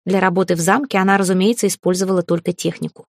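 Gravelly woman narrating an audiobook. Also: fairly low pitch, steady tone, rapid-fire, no room sound, studio quality. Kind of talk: first-person audiobook narration.

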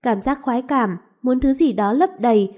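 A woman narrating a romance audiobook in a dramatic, expressive way. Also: fairly high pitch, moderate pace.

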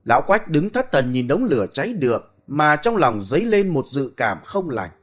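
A man narrates a ghost story with dramatic, expressive delivery. His voice sits fairly high and swings widely in pitch as the tension builds. Faint music plays beneath him. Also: moderate pace. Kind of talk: scripted storytelling.

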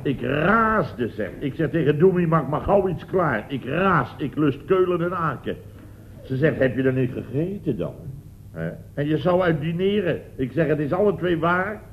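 A blustering building boss. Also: male voice, fairly high pitch. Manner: blustering, exaggerating, boisterous. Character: blustering middle-aged male building boss. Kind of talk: 1960s radio comedy acting. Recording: dull old radio recording with faint hiss.

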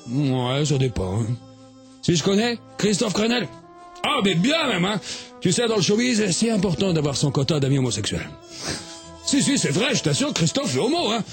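A man performing a crude, boastful comic sketch monologue as a radio columnist, shouting and muttering by turns. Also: high voice, vocal fry.

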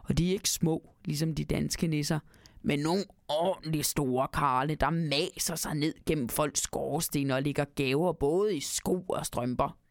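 A woman voicing a kindly old grandfather in a storybook reading, calmly telling tall tales to his grandson. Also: deep voice, no echo, clean studio sound. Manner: calm, storytelling, reassuring.

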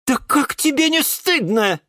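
A man voicing a calm but vain male cactus who takes offence about his looks in a storybook. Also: medium pitch, a little slow, dry recording, studio quality. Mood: indignant.

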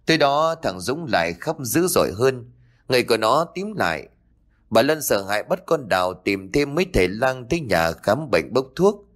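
Man narrating a ghost story, lively pitch. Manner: expressive storytelling.

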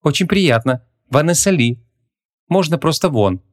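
Man putting on a higher voice for a brash young woman, incredulous, quick, storybook heroine. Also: animated. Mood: bewildered. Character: bold, sharp-tongued young woman.

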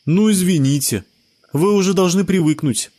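A man voicing an excitable, defensive ten-year-old boy with a whiny manner in an audio story. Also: high-pitched, moderate pace, pitched above the performer's own voice.

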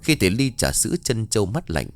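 A man's voice: lowish voice, very animated, quick pace. A man narrating a horror story in a dramatic storytelling manner. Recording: dry studio voice with faint background music.

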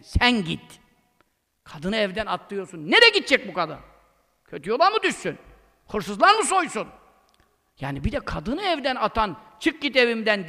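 A man's voice: extremely high pitch, sharp tone. A man giving an informal religious talk as a preacher, emphatic and scolding, breaking into blunt colloquial outbursts. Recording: long hall reverb.

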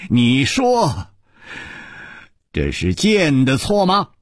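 A man voicing a calm, wise male hero who speaks in a measured, reflective way, in a storytelling performance. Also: medium pitch, no echo, studio quality, pitched above the performer's own voice, heavily acted.

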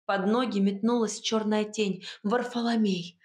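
Measured woman audiobook narrator. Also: medium pitch, fairly even intonation, darkish tone. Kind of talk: scripted first-person narration.

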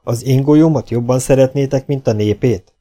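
A man voicing a calm, fearless outlaw leader with a musical baritone, who speaks quietly and with cold self-assurance. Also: natural voice. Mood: commanding.

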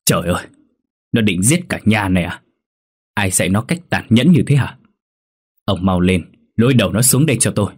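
Guy reading a grumpy old rich landlord, bossy and scolding, low husky voice. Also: expressive, brisk. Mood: furious. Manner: scolding, demanding. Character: stern wealthy old male landlord, quick-tempered.

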